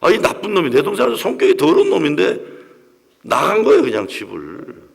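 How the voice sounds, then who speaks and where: A pastor in his sixties shares a personal story during a sermon, telling it with emotion and acting out quoted voices. He speaks a little fast in a fairly high, creaky, husky voice with huge swings in pitch, and the church sanctuary adds a long reverb.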